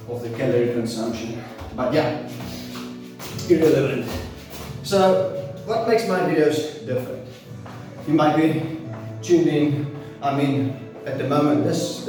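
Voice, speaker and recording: A man in his forties giving an earnest, preaching talk to camera about training and faith, with loose pauses and restarts. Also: mid-range voice, distant mic. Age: 40s. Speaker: fitness and faith vlogger. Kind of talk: motivational monologue to camera. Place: small bare home training room with rubber mats. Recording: very echoey room, voice off-mic, music behind.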